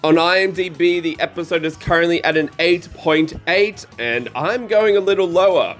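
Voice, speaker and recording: A man's voice: on the high side, moderate pace, soft background music. A man hosting a review show, reading scripted narration and opinions. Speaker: host of episode review show.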